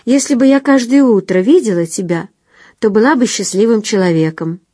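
A woman's voice: medium pitch, brisk, dark tone, no echo, studio quality, natural voice. A woman reading the lines of an earnest, stubborn fourteen-year-old girl in love, with intense, insistent declarations. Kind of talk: audiobook dialogue reading.

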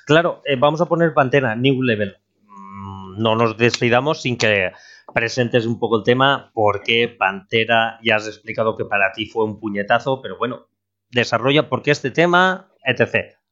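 A man's voice: mid-range voice, moderate pace. Man hosting, muffled sound. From Spain. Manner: relaxed, conversational, lists band details with self-corrections. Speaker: podcast host. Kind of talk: casual chat.

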